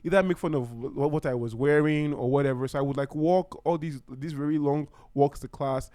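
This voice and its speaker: On his own podcast, a young man from Nigeria speaks in a slightly high, dark voice at a somewhat fast clip, with no echo in the recording. His casual, heartfelt solo talk wanders, and he often starts his sentences over.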